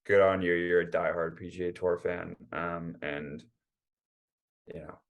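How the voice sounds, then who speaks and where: A man's voice: deep voice, fairly even intonation, a little slow, dull audio. A man co-hosting a casual sports podcast, rambling with stammered restarts and lots of fillers. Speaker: podcast co-host.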